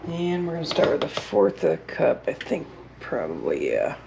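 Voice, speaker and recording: A woman in her home kitchen calmly talking through a recipe step by step as she cooks. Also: sits low, normal speed, vocal fry, noisy background. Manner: relaxed, step-by-step instructions while cooking. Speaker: home cook showing a recipe. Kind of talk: casual cooking demonstration. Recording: loud kitchen clatter and stirring.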